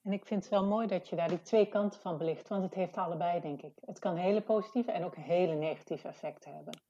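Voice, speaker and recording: A woman explains her ideas in a discussion, pausing often with hesitant fillers as she goes. Her voice comes through a dull, slightly muffled lo-fi recording. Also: on the low side, mellow. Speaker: discussion guest. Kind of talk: casual discussion. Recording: dull lo-fi sound.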